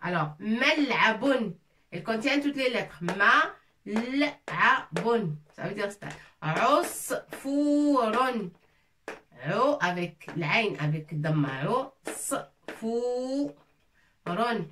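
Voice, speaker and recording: A woman's voice: mid-range voice, animated, slow, bright, forceful tone, recorded from a distance, a little hiss or hum. A woman teaching a lesson, patiently repeating each word and breaking it into syllables. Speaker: Arabic teacher. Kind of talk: slow spelled-out language lesson.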